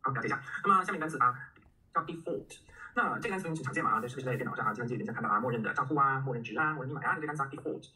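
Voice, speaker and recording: A man teaching English vocabulary in a recorded lecture, animated and joking, spelling words out letter by letter. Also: medium pitch, very fast, poor audio.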